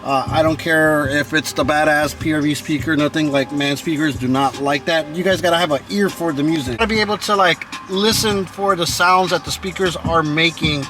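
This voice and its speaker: A fairly high-pitched man talks briskly and hardly pauses, keeping his intonation fairly even. He's a car audio vlogger inside his truck giving a chatty how-to on speaker tuning, and the stereo's loud music plays behind his voice.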